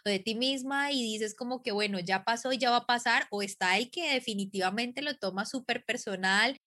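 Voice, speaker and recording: Woman interview host, fairly high voice, rambling conversational questioning. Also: a little fast, sharp tone. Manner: rephrases and restarts while asking.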